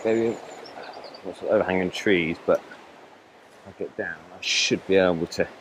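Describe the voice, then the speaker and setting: A man giving a quiet, pleased running commentary to himself while fly fishing outdoors, recorded on an action camera. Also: sits low, fairly even intonation, a little slow, low-quality recording. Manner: quiet, pleased, talking to himself between casts. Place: outdoors by a stream in a valley. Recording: outdoor camera audio with faint stream noise. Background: running stream and wind.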